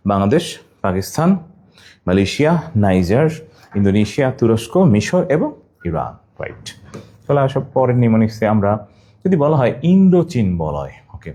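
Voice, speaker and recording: A man's voice: lowish voice, big pitch swings, a little fast, mellow. A man from Bangladesh teaching a general knowledge class, repeating each item over and over and telling students to write down memory tricks. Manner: asks students questions and tells them to write things down.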